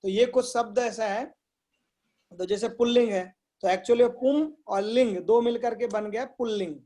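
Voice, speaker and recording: Guy teaching a language class over a video call, high voice, keeps repeating sounds slow and asking if you got it. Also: dark tone. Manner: patient, repeats sounds slowly and checks understanding. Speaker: Sanskrit teacher. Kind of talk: online pronunciation lesson.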